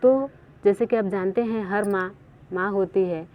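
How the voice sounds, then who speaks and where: A woman's voice: medium pitch, a little slow, warm tone. A woman teacher reads a Hindi lesson aloud and then explains each line again in simpler words. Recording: tinny phone-like recording.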